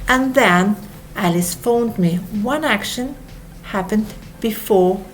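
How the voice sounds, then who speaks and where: An English teacher gives a slow grammar lesson with drills, speaking clearly and repeating each example twice. Her voice is mid-range, with soft music and a little hiss or hum behind it.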